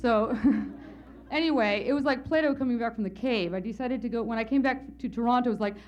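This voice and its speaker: A woman's voice: fairly high pitch, a little fast. A woman speaker at a conference telling a candid, wry personal story as part of her lecture. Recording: slightly muffled lo-fi lecture recording.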